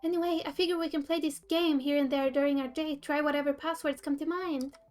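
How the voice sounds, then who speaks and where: A woman's voice: high voice, steady tone, fast talker, darkish tone, lightly acted. A woman voicing a cocky, eager young female tech whiz in visual novel dialogue, brash and casual. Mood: confident. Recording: music behind the voice.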